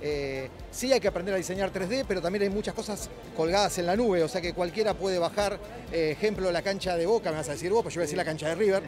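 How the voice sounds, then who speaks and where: A man's voice: high voice, fast, music in the background. A middle-aged man with an Argentine accent, a company director giving a trade-show interview in a busy expo hall, explaining at length with frequent hesitations and restarts. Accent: Rioplatense Spanish. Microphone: handheld mic held by interviewer.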